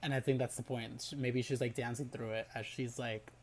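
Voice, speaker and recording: A man's voice: medium pitch, fairly quick, a little hiss or hum. Chatty man gushing in a music reaction. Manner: chatty, full of "like" fillers, lively and enthusiastic. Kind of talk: casual album reaction commentary.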